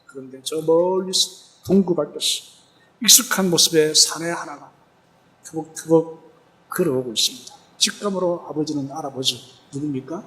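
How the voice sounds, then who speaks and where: A man's voice: fairly high pitch, moderate pace, pushed and bright. A male pastor preaching a sermon, retelling a parable and asking rhetorical questions.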